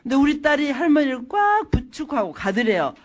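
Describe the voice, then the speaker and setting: Lively middle-aged woman telling stories. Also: high-pitched, fairly quick. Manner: animated storytelling, acting out quotes. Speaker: lecturer. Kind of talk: lecture with personal anecdotes.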